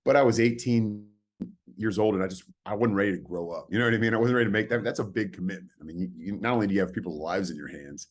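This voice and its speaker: A man's voice: fairly low pitch, fast talker. A man in his forties from California, a podcast guest telling stories in a rambling, casual way with hesitant restarts. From California, USA. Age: 40s. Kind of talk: casual storytelling.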